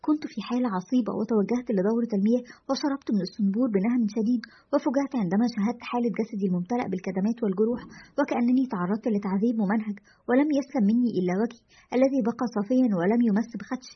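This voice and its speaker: A woman's voice: on the high side, very fast, husky. A woman voicing an anxious man calling a radio show, recounting unsettling events in a confessional, uneasy way. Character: anxious man caller, shaken by strange events. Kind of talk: storytelling narration. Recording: lo-fi dull audio.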